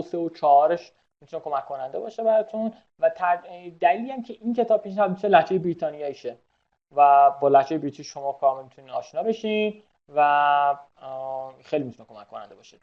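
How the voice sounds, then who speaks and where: Guy teaching ielts prep online, chatty with lots of uh's, slightly high voice, muffled lo-fi sound. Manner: chatty, many fillers and English terms. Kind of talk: casual webinar lecture.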